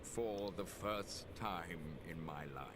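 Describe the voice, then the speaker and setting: Deep, very slow and solemn fantasy game character, game audio under heavy background noise. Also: male voice. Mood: pleading. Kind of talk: voiced game cutscene.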